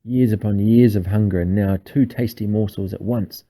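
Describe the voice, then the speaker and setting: A man voicing an ancient, hungry female monster made of an insect swarm, with a high, slightly hoarse, buzzing voice and a greedy, menacing manner. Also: fairly even intonation, normal speed, mellow.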